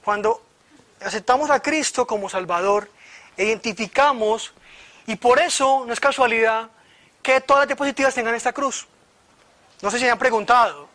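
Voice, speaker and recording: A man teaches at a church retreat, his voice very high and bright. He tells his own stories in a lively way and acts out the voices of the people in them. The sound is that of an indoor meeting room. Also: moderate pace, long pauses. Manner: animated storyteller who acts out voices. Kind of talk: informal sermon with personal stories.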